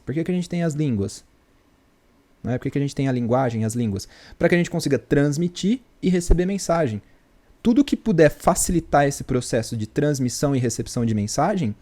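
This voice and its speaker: A man's voice: fairly high pitch, warm tone. A man with a Brazilian Portuguese accent, teaching an English grammar lesson in a chatty way and asking rhetorical questions. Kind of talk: casual video lesson.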